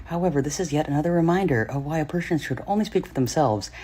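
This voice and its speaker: A man's voice: a little high, expressive, quick pace, mellow, slightly rough. A man giving a commentary voiceover in a dry, sarcastic way.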